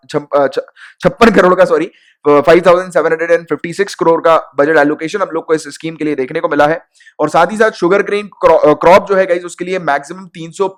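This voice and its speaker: A young man runs an informal exam-coaching lesson in a slightly raised voice. He repeats the key points, mixes in English words and keeps checking with his students. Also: a little high. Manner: mixes English terms into Hindi. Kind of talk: casual Hindi exam-prep lecture.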